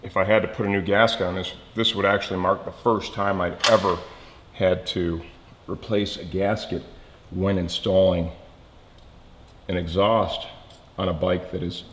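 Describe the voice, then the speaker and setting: Unhurried and pausing often, a man with a low, steady voice demonstrates a motorcycle installation, explaining what he does and checking in as he goes. The casual tutorial is captured in a reverberant workshop with loud clattering tools and slight background noise.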